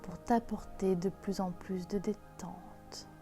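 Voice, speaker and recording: A woman guiding a relaxation meditation in a soft, hushed, intimate voice, as if speaking right in your ear. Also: medium pitch, fairly even intonation, takes it slowly. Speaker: sophrology guide. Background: music.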